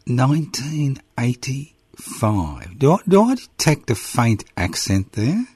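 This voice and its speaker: A man's voice: medium pitch, sing-song, takes it slowly, a little mellow, slightly rough, dry recording. An older man, hosting a casual radio interview from a studio in a chatty, teasing way. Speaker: radio host.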